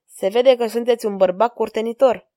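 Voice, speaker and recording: A woman's voice: a little high, fairly even intonation, warm tone, dry recording, close to an everyday voice. A woman reading the lines of an elegant, ironic masked woman in an audiobook, her voice close and dry.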